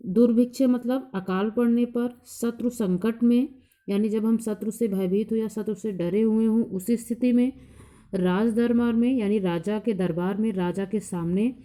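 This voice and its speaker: A woman teacher explaining a lesson to a class, reciting verses slowly and then explaining them in plain, repeated points. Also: on the high side, steady tone, mellow. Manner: repeats each point several times. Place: coaching class.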